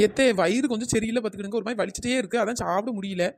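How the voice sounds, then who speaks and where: A woman's voice: mid-range voice, very fast, slight background noise, lightly acted. A woman voicing a cheeky, evasive young daughter-in-law in a cartoon. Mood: pleading. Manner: pleading then muttering backtalk. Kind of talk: cartoon dialogue.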